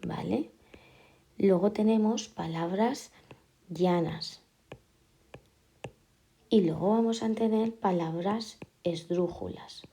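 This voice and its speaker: A woman teacher, patiently explaining a lesson and repeating key words slowly. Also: medium pitch, vocal fry, warm tone. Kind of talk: classroom explanation.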